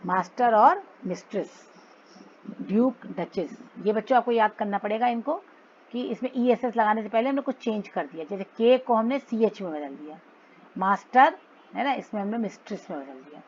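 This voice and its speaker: A woman's voice: mid-range voice, expressive, moderate pace, muffled recording, a little hiss or hum. Woman teacher drilling grammar words. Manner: mixes Hindi and English, repeats words for drilling. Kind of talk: explaining grammar to schoolchildren.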